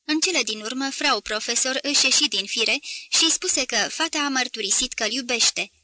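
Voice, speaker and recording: A woman reads a novel aloud in a bright, clear voice that sits a little high for a woman. She tells the story at a measured, steady pace and gives the quoted lines a light touch of character. The sound is close and dry, with no room around it. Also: no echo. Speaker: audiobook reader. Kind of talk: scripted literary narration.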